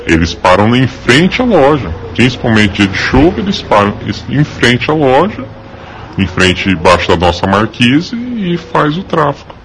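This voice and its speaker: A man's voice: mid-range voice, sing-song, a little slow, fairly bright tone, slight background noise, rough recording. A shop owner speaking hesitantly in a street interview, his voice disguised by a voice changer. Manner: hesitant, many filler sounds. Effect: voice altered by a voice changer.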